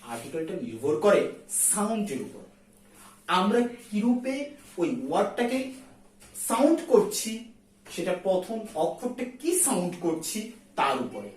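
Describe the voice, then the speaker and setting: A woman teaching an English grammar lesson, repeating each sound slowly to drill it. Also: mid-range voice, big pitch swings, darkish tone. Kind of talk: explaining grammar in a video lesson. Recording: echoey room, far from the mic.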